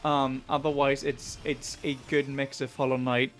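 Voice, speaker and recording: A man's voice: mid-range voice, little pitch movement, moderate pace. A man in his twenties, a game developer, talking casually in a podcast interview, rambling with lots of fillers and restarts. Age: 20s.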